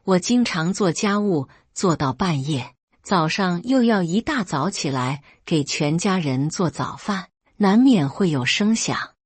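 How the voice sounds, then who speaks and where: A woman's voice: lowish voice, lively intonation, unhurried, few pauses, husky, dry recording. A woman reading a first-person family drama story aloud, briefly voicing the characters. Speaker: story narrator.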